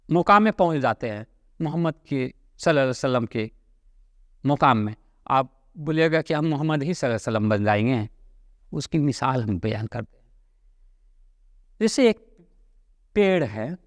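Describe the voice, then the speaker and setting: Male Sufi preacher, higher-pitched, deliberate repetitive sermon delivery, close dry sound with long reverb. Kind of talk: religious sermon with parables.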